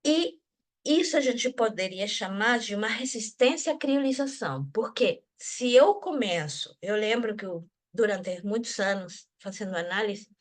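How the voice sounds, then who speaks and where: In an academic discussion group, a woman from Venezuela contributes in an expressive, unhurried, mid-range voice. She's thoughtful, often starting over and ending remarks with tag questions.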